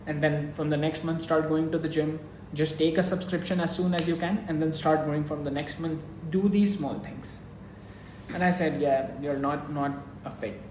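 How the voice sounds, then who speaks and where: A man's voice: a little high, steady tone, normal speed, darkish tone, a little hiss or hum. A young man vlogging to camera, talking earnestly and openly about his feelings. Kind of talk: casual vlog talk to camera. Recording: echoey room sound.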